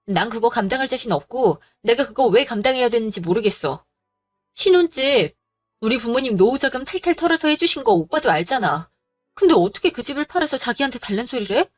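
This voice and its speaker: A young bride-to-be speaks firmly and with frustration in a fairly high voice, as a woman acts her out. She sounds worn down but resolute. Faint music runs behind the audio drama. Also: lively intonation, a little fast. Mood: frustrated. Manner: frustrated, firm. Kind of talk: Korean audio drama acting.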